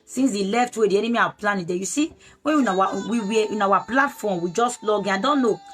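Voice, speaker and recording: A woman's voice: mid-range voice, brisk, faint music behind. A woman leading an online prayer sermon, preaching fervently with lots of repetition. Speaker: prayer leader.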